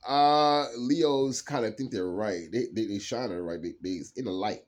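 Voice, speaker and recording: A man's voice: fairly low pitch, normal speed. A man doing a late-night solo card reading, rambling and laughing often as he drawls through his thoughts. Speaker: card reader.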